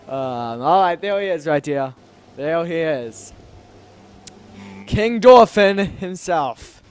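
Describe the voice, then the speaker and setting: Man, high voice, let's play host, casual rambling commentary, giggly. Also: animated, slow pace, long pauses, a little mellow, slight background noise.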